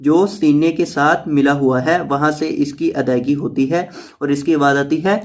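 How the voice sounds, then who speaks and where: Fairly high-pitched man teaching tajweed. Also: fairly even intonation. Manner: patient, repeats each word slowly, then explains quickly. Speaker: Quran teacher. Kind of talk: word-by-word tajweed lesson.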